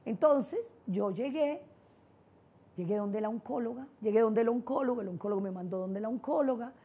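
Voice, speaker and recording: Middle-aged paisa woman, motivational speaker; mellow, husky voice, emphatic storyteller. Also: a little high, expressive, normal speed. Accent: Colombian paisa. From Colombia (Antioquia). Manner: personal storytelling, emphatic and candid. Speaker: neurolinguistic programming trainer, speaker. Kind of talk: motivational conference talk.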